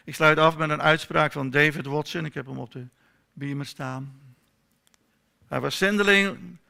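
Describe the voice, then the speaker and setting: A man's voice: on the high side, fairly even intonation, moderate pace, creaky, sharp tone. A man preaching a sermon in church, moving from telling a story to emphatic preaching and prayer.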